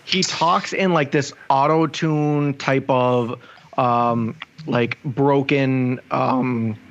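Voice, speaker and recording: A man's voice: mid-range voice, fairly even intonation, very slow, dull audio. A man co-hosting a podcast, eagerly recapping a TV episode with many likes and ums. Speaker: podcast co-host. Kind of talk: casual recap chat.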